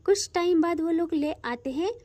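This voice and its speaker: A woman narrating a romantic audio story in an expressive, emotive storytelling manner. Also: very high voice, moderate pace, no echo.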